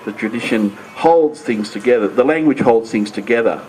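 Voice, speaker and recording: Speaking at a moderate pace in a mid-range, slightly mellow voice, an older man from Australia addresses a book launch audience as a panelist. His talk stumbles with frequent fillers and restarts, and the rough audio has slight background noise.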